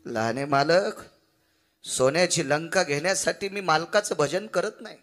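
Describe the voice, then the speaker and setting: A man's voice: fairly high pitch, unhurried, fairly bright tone, pitched above the performer's own voice. A man playing Angad, a loyal and grieving young monkey prince, pleading earnestly in devotional kirtan storytelling.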